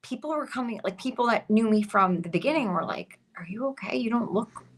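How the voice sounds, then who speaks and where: A woman's voice: on the high side, lively intonation, fairly quick. A woman in her late thirties, a podcast guest, chatting casually and laughing often. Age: late 30s. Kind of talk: casual chat.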